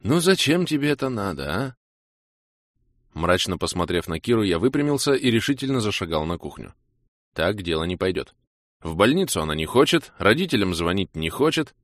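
A man narrating a first-person audiobook in a steady, matter-of-fact way. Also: sits low, brisk, no room sound, clean studio sound.

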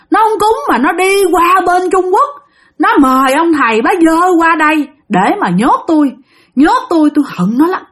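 A woman putting on a shrill vengeful female ghost. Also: fairly bright tone, exaggerated voice. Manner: shrill, snarling and desperate. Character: vengeful female ghost possessing a small boy.

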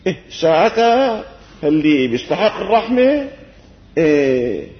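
Older syrian sheikh preaching, damascus accent, highish voice, roomy echo, muffled old tape. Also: male voice, moderate pace. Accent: Syrian Arabic, Damascene. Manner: lively, folksy, rhetorical questions, gentle humor. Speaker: sheikh giving Quran commentary. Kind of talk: colloquial sermon lesson. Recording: echoey hall, dull lo-fi old tape.

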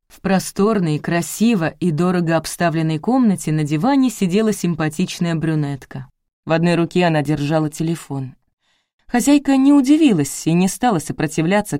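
A woman narrating an audiobook in the first person with brisk, ironic storytelling. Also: low-pitched, mellow, no room sound, studio quality.

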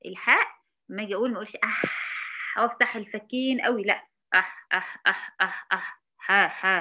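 A woman with an Egyptian accent teaching a recitation lesson, patiently demonstrating sounds slowly and checking in with her students. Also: medium pitch, pushed and bright, highs cut off. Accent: Egyptian Arabic. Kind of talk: online tajweed lesson.

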